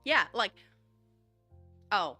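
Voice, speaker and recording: Streaming live, a woman whose first language is Czech talks with her viewers in a lazy drawl, wandering through her thoughts with fillers and lots of laughs while soft music plays faintly behind. She speaks very slowly in a very animated, mid-range, slightly rough voice. There's no echo.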